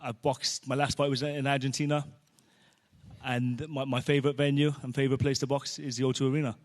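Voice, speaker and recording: A man's voice: mid-range voice, level tone, brisk. A man from Wales with a Welsh accent, an earnest boxer answering interview questions with frequent restarts. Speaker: boxer guest. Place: indoor arena venue.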